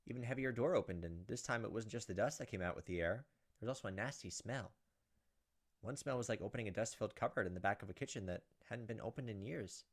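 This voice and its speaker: With a lowish voice, a man hosts a gaming video, dramatically reading a visual novel aloud and stopping for offhand, casual asides.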